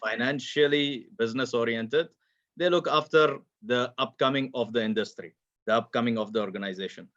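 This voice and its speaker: Halting man answering on a panel. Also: mid-range voice, fairly bright tone, dull audio. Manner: halting, many "uh" pauses and restarts. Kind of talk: live panel discussion.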